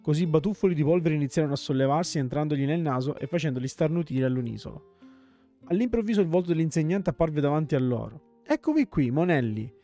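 A man reading a game's story text aloud as a let's play host, calm storytelling with small slips and restarts. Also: on the high side, fast talker, soft background music.

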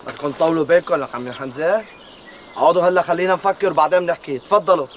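Actor as a calm villager, syrian accent, slightly high voice, fast, faint rural sounds. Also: male voice, slight background noise, natural voice. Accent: Syrian Arabic. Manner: calming, hospitable urging. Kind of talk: TV period drama acting.

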